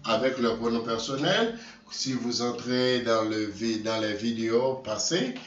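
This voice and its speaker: Man teaching slowly, repeats every word, sounds far off in an echoey room, kinda muffled. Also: medium pitch, slight background noise. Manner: slow, repeats words, self-corrects, stresses key words. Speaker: language teacher. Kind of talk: slow multilingual vocabulary lesson.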